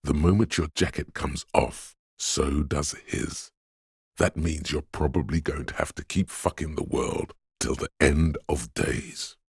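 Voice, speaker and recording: In a narrative video game, a male inner voice of social intuition offers advice in scripted narration, very deep, husky and heavily gravelly. It coaxes slyly with measured, deliberate drama, intimate and insinuating, in a fully acted character voice with fairly even intonation. The recording is dry and close.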